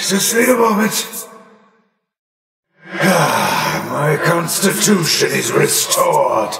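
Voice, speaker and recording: A man's voice: on the high side, creaky, a bit bright, heavily acted. A man voicing a haughty, cranky icy warrior king for a video game, pompous, theatrical and imperious. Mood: weary, regal, then triumphant. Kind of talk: video game hero voice lines. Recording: echoey hall reverb, distant-sounding.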